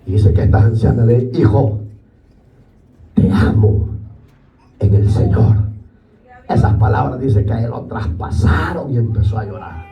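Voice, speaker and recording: A man's voice: mid-range voice, animated, a little slow, long pauses, highs cut off. Impassioned male pastor preaching in an echoey hall. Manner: impassioned preaching, often bursting into shouts. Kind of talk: sermon. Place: church. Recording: echoey church hall, distant mic, faint music.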